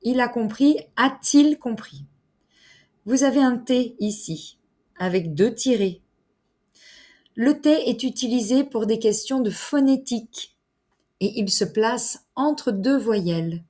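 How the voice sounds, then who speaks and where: A woman teaching a French lesson, enunciating each phrase slowly and carefully. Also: fairly high pitch, darkish tone. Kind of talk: slow, clear language lesson.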